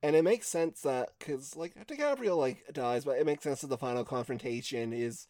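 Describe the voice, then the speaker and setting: A man talking casually about a film on a podcast, relaxed with wry asides. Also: medium pitch, moderate pace, no room sound, studio quality.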